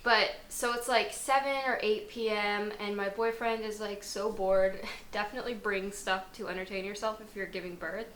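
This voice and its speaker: A young woman recounts her story in a loose, chatty vlog style, with "like" in nearly every sentence and frequent laughs. Her voice sits at an ordinary middle pitch. It carries a roomy echo over a faint hum of ambient noise. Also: fairly even intonation, normal speed, hardly any pauses, fairly bright tone. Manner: chatty, lots of "like", laughs often. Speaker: vlogger telling her birth story. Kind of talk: casual storytelling to camera.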